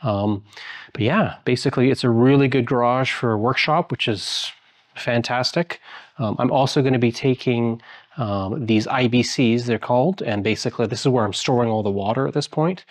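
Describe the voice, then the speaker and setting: A man's voice: medium pitch, no echo. A man in his forties giving a casual, rambling tour of his garden and garage, with many fillers and restarts. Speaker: homeowner giving a house tour. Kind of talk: casual walkthrough narration. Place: outdoor garden and large garage of an old house.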